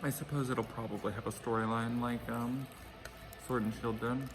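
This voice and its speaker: A man's voice: mid-range voice, fairly even intonation, normal speed. A man rambling casually to his viewers as he eats fried chicken in a mukbang, recorded outdoors. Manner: eating fried chicken while talking. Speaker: vlogger hosting an eating show. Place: outdoors by a pool. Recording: clearly noisy outdoor ambience.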